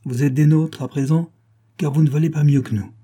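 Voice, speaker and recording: The cold leader of a secret criminal society, voiced by a male audiobook reader, pronounces his sentences in a raised, solemn voice. His tone is dark and husky, and each line sounds like a verdict. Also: fairly high pitch, steady tone, brisk, pitched above the performer's own voice. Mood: menacing. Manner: solemn, commanding, menacing. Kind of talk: audiobook character reading.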